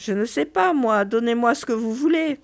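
A woman's voice: fairly high pitch, lively intonation, normal speed, vocal fry. A woman reading the part of a pious, earnest male hospital doctor with a polite, formal bedside manner.

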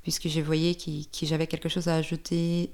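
This woman has a deep, darkish voice with flat delivery and a moderate pace. She is a Brazilian poet being interviewed in French, with a Brazilian Portuguese accent, answering thoughtfully but hesitantly amid many fillers and restarts.

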